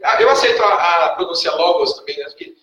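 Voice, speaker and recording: A Brazilian Portuguese-speaking man teaching a class, patiently quizzing students and checking in with a quick "tá?" after each point. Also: sits high, animated, sharp tone, distant mic. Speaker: Greek language teacher. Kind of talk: classroom lecture. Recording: echoey classroom recorded from afar.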